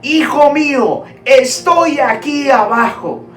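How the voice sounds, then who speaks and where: A woman's voice: high-pitched, slow. A woman playing a father calling up to his son. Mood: urgent reassuring. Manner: calm, insistent reassurance. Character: anxious father reassuring his son from below. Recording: roomy echo, distant mic, soft music.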